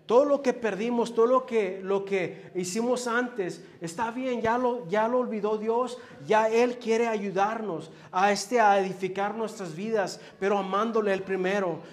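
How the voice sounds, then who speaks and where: A male preacher delivers his sermon at an unhurried, deliberate pace. His voice sits fairly high for a man, and he talks earnestly, leaning on filler words as he goes. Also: fairly even intonation. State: dizzy.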